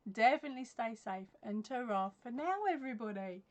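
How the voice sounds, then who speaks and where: Brisk and fairly high-pitched, a woman from England chats through a casual crochet livestream, with the high frequencies cut off in the audio. She reads comments from her home craft room with its yarn shelves, using a desk webcam, and laughs a lot while saying um between thoughts.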